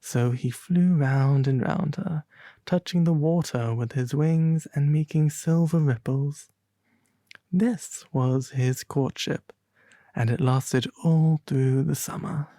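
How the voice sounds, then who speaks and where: A man voicing an aristocratic male demon prince, pompous and refined, with soft, sometimes breathy, drawn-out delivery in an ASMR roleplay reading. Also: on the high side, no echo, studio quality. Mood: gentle, storytelling.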